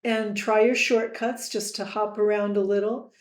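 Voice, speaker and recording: A woman tutoring software in a screen-recorded lesson, friendly, with quiz-style asides to the viewer. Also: mid-range voice, little pitch movement, normal speed, roomy sound.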